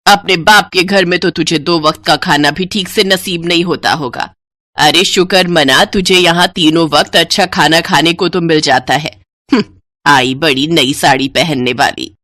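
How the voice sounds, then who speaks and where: A woman's voice: low-pitched, normal speed, a bit bright, no room sound, studio quality. Woman playing a bossy, scornful old mother-in-law. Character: harsh scolding older mother-in-law.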